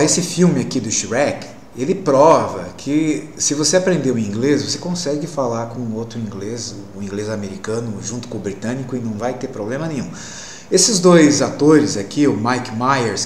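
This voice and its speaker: A man's voice: mid-range voice, roomy sound, slight background noise. A male English teacher giving a classroom lecture, explaining step by step and often checking in with tag questions.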